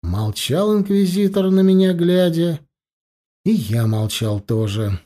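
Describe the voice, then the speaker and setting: Expressive man reading an audiobook. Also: a little high, slow. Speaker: audiobook reader. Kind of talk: first-person fantasy audiobook narration.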